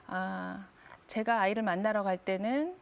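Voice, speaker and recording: Soft-spoken woman sharing her testimony. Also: mid-range voice, unhurried, gravelly. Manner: soft, reflective, frequent affirming "네". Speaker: guest. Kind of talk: faith testimony interview.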